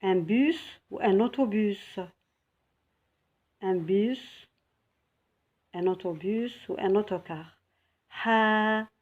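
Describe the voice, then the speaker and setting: Slow, patient woman teaching Arabic letters. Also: mid-range voice, mellow, muffled recording. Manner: patient, repeats words slowly and clearly.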